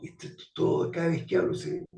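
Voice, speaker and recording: A man's voice: fairly high pitch, level tone, a little fast, gravelly, mellow. A man telling a personal story as an interview guest. He acts out the dialogue in it. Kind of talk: storytelling anecdote. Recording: roomy, distant mic.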